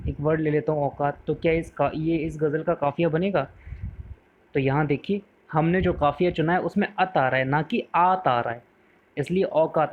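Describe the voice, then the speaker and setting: A man teaching poetry in a patient lesson, repeating key words, asking the viewer questions and mixing in English terms. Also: a little high. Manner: mixes English words into explanations. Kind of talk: explanatory lesson. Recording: narrow phone-like sound.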